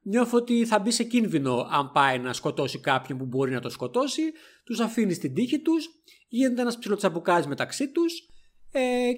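Greek guy on a podcast retelling a movie, voice jumps all over, higher side. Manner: lively storytelling recap with frequent laughs. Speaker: podcast co-host. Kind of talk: casual film discussion.

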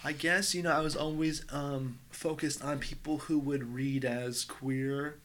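A man in his thirties, a podcast guest, chatting casually and telling animated stories. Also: fairly high pitch, a little slow. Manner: animated storyteller who slips into mimicked voices. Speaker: podcast guest, drag performer.

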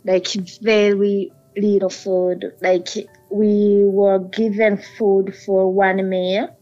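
A woman's voice: mid-range voice, flat delivery, slow pace, warm tone, lo-fi sound, faint music behind. A woman with a Burundian accent who learned English later in life, recounting her own experiences as an interview guest. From Burundi, grew up in Tanzania. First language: not English, learned it six years ago. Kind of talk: personal recollection in an interview.

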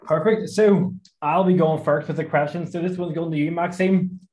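A man's voice: fairly high pitch, steady tone, normal speed, darkish tone. A man asking panel questions, rephrasing them to prompt an answer. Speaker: interviewer. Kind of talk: panel interview. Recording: echoey room.

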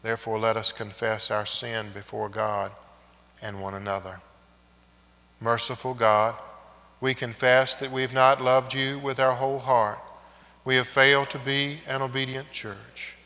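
A pastor leads the congregation in prayer, a man with a bright, forceful tone who speaks very slowly. His measured phrases trail off quietly and ring out in a long cathedral echo. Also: medium pitch, flat delivery. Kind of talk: leading liturgy and prayer. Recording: long echoing reverb of a large church.

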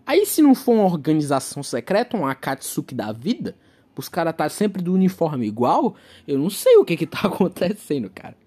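A man's voice: on the high side, very animated, fairly quick, mellow, husky. A young Brazilian man with a Brazilian accent, delivering a profane comic rant monologue. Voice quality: profane, ranting.

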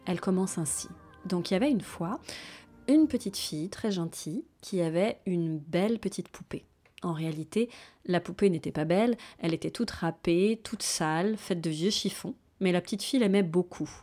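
A woman narrating a bawdy fairy tale in a lively, playful storytelling manner. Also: fairly low pitch, moderate pace, soft background music.

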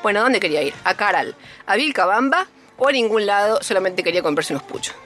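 A woman's voice: mid-range voice, expressive, fast talker, fairly bright tone, faint music behind. A woman with an Argentine Spanish accent hosting a quiz, joking, teasing and drifting into playful asides. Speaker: quiz host.

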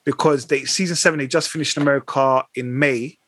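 A man's voice: medium pitch, steady tone, quick pace, a bit bright, husky, no room sound. A man with a Leicester accent hosting a podcast in casual, slangy British street speech. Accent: Leicester, English. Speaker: podcast host. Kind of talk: casual chat.

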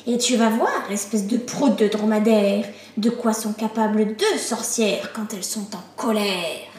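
A woman's voice: medium pitch, measured pace, a little mellow, distant mic, voice pushed down, lightly acted. A woman voicing a nasty old witch who taunts a boy with silly insults in a sing-song, mocking way. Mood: gloating. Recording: roomy echo.

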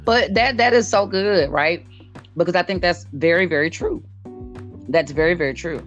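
Her fairly low pitch and normal pace carry a casual conversation she hosts as a podcaster in her late forties. She's blunt and emphatic, repeating herself for effect, over music in dull lo-fi audio.

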